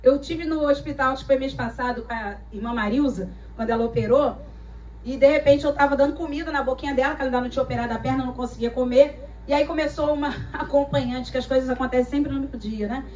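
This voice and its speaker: A woman's voice: sits high, fast talker, darkish tone, distant mic, slight background noise. A Brazilian woman pastor preaching a sermon in a dramatic storytelling way, acting out voices and repeating phrases. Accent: Brazilian Portuguese.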